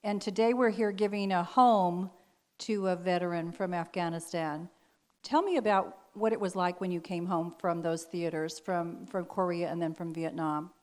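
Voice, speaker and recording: A woman's voice: lowish voice, steady tone, moderate pace, darkish tone. A woman hosting a show and interviewing a guest, asking questions in an earnest, appreciative way.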